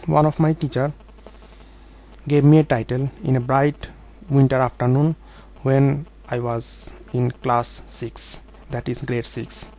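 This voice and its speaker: A man speaks in a mellow, slightly dark voice at a middle pitch. He tells his own story in an earnest, halting way and slips on his grammar now and then. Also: flat delivery, poor audio. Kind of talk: personal storytelling monologue.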